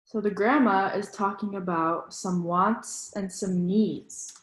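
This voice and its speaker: A woman with a mid-range voice and fairly even intonation reads a children's picture book aloud like a teacher, pausing to ask young listeners questions so they think along. The room is echoey and the recording is rough.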